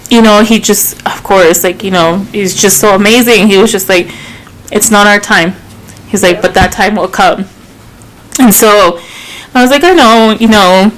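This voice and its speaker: Woman in her thirties, podcast co-host, candid casual storyteller, mid-pitched, swears freely. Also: a bit bright, low-quality recording. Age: 30s. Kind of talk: casual chat.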